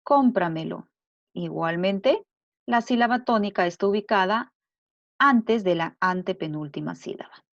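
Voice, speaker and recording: A woman teacher giving a recorded grammar lesson, explaining slowly and deliberately and repeating her examples. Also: mid-range voice, lively intonation, gravelly, fairly bright tone, dry recording. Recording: dull lo-fi dry recording.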